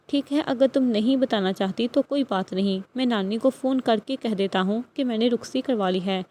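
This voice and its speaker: A woman's voice: a little high, mellow, close to an everyday voice. A woman reading the lines of a domineering young husband in an audiobook novel, with a commanding, threatening tone. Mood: stern.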